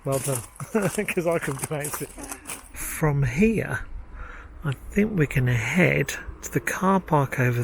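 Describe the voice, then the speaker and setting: A man's voice: on the high side, vocal fry, a little hiss or hum. A man narrating a casual travel vlog outdoors, chatting as he points out the views. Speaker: travel vlogger. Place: outdoors on a road trip.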